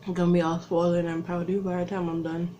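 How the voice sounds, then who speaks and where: A woman's voice: lowish voice, little pitch movement, warm tone, a little hiss or hum. A woman vlogging casually while eating spicy wings, her lips and tongue burning as she talks into her phone. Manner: slow, breathy talk between bites, laughing at herself. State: mouth burning from spicy food. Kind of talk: casual vlog chat. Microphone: phone camera.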